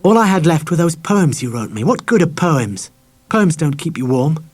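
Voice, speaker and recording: A man voicing a posh young English woman with an upper-class accent, who speaks in a shrill, clipped and accusing way. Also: lively intonation, fast, darkish tone, husky. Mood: angry.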